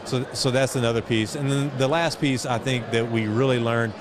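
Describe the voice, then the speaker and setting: Being interviewed at a noisy outdoor event, with crowd noise, street and vehicles in the background, this middle-aged entrepreneur, who also chairs a foundation, reflects conversationally. His voice is medium-pitched, fairly even in intonation, at a moderate pace.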